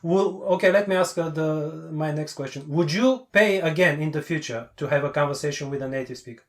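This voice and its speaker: A man's voice: on the high side, fairly quick. A man interviewing, asking pointed questions in a skeptical, pressing manner.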